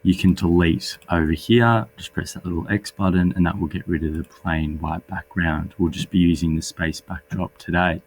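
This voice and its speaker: A man, husky and under the weather, patiently explaining a coding tutorial step by step as a teacher. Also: deep voice, fairly even intonation, normal speed, few pauses, slight background noise. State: sick with a cold. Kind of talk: screen-recorded coding tutorial.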